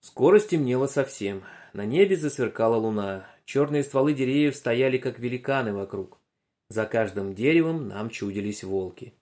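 A man narrating a children's story aloud in an expressive, animated way. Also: mid-range voice, normal speed.

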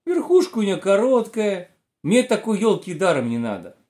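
A man's voice: sits high, big pitch swings, moderate pace, darkish tone, voice pushed up. A man voicing a picky, stubborn young boy in a storybook reading, whiny and argumentative. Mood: fussy. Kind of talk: storybook character voice.

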